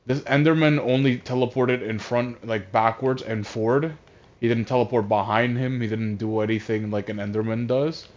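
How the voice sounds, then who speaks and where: A streamer with a mid-range voice rants casually on a voice call at a moderate pace, with fairly even intonation. He rambles in exasperation, swearing a lot and restarting often. The headset audio sounds dull and lo-fi, like console chat.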